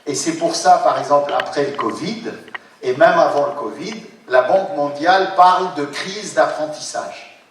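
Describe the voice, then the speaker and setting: High-voiced man lecturing in an echoey hall. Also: moderate pace. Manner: hesitant, many fillers and restarts, explanatory. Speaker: university professor giving a lecture. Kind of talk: academic conference lecture. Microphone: distant room mic. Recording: very echoey hall from far off, faint noise.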